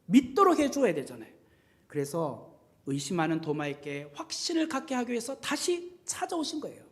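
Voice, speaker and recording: A man preaching a sermon as pastor in a church, speaking gently and conversationally with rhetorical questions, and acting out quoted lines from hushed to loud. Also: high voice, huge pitch swings, normal speed. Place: church sanctuary.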